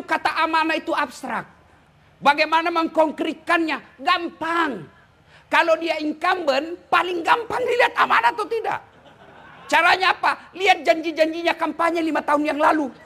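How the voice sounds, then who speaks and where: A man with a Makassar Indonesian accent preaching a lively sermon, teasing and scolding his listeners with jokes, over faint noise from a live venue. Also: extremely high pitch.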